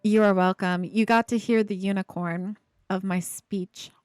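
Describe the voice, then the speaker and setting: A woman from Ohio with a slight Appalachian accent and a slight speech impediment, chatting casually with viewers while she builds, playful and quick to laugh. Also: mid-range voice, steady tone, a little mellow, no echo, faint music behind. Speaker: streamer. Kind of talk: casual live-stream chat while building.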